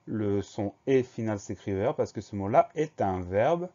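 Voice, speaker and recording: A man teaching a French spelling lesson, slowly spelling each word letter by letter and explaining the grammar. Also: on the low side, expressive, mellow, highs cut off. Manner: slow, methodical, spells words letter by letter.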